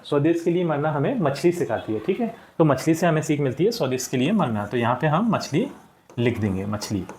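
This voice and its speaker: A man teaching a primary school class, patiently going through textbook answers and repeating words slowly for the children. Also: on the high side, darkish tone. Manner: addresses children often, checks with "ठीक".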